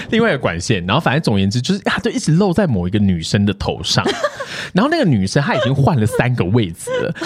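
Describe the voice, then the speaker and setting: A woman with a Taiwanese Mandarin accent, a podcast co-host telling office stories in casual chat. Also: husky. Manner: animated storyteller, swinging widely in pitch.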